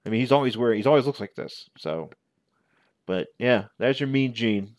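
A man in his forties giving a casual, unscripted show-and-tell commentary as a reviewer, halting and correcting himself as he goes. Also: mid-range voice, darkish tone, no echo, clean studio sound. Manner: halting, conversational, self-correcting. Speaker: toy reviewer. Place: small living room at home. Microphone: headset.

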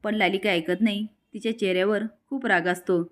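A woman recapping a television serial episode at an even, mid-range pitch. Her delivery is steady storytelling, and she reads the quoted lines in with the narration. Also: brisk.

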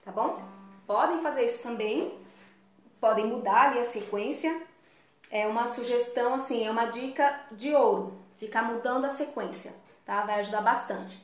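A Brazilian woman with a Brazilian Portuguese accent leads a live online guitar class, patiently walking through each step and vocalizing the strumming beats. Her voice is on the high side at a moderate pace, in an echoey room.

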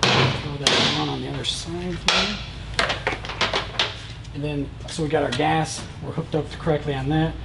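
A man's voice: fairly high pitch, unhurried, gravelly, pauses often, very noisy. A man in his thirties casually demonstrating welding equipment in a large warehouse, speaking plainly with lots of "uh" and "um" fillers. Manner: relaxed, plain-spoken, many "uh" and "um" fillers. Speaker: welding supply product reviewer.

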